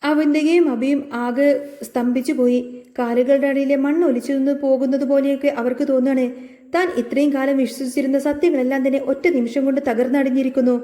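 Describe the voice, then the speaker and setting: A woman's voice: sits high, little pitch movement, quick pace, mellow. A woman retelling a TV serial episode as dramatic storytelling narration. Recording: echoey room.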